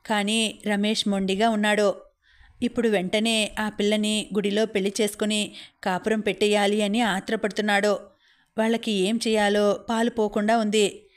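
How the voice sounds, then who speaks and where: Woman narrating an audiobook in a flat voice. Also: medium pitch. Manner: steady, even reading. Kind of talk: scripted story narration.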